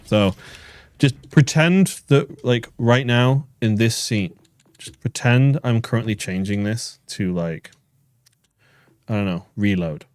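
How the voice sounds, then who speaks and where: A man's voice: medium pitch, slow, no room sound. A man from England, co-hosting a game livestream in casual chat and laughing easily. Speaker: stream co-host. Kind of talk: casual chat while gaming.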